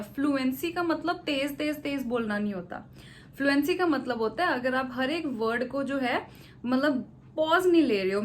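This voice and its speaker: Woman from india, high voice, casual tutorial teacher, codeswitches, faint hiss behind; checks in often. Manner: mixes English phrases into Hindi, repeats "theek hai" checks; acts out slow model English answers. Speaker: IELTS speaking teacher.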